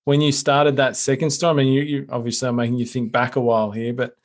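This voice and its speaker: A man's voice: mid-range voice, level tone, fast. A man hosting a podcast, reading promos and interviewing a guest in an upbeat, conversational way. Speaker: podcast host. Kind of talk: casual interview and scripted promo read.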